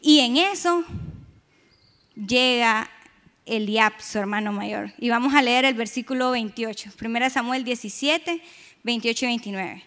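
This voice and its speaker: A woman's voice: on the high side, unhurried, a bit bright. A woman preaching a sermon, emphatic and raising her voice when she reads scripture aloud. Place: church sanctuary. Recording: long church reverb.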